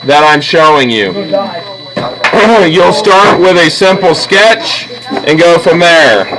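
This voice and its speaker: Speaking slowly in a high voice, a male art teacher shows his drawing students what to do, instructing them informally and encouragingly. Students chatter throughout the busy school classroom, and the audio is poor.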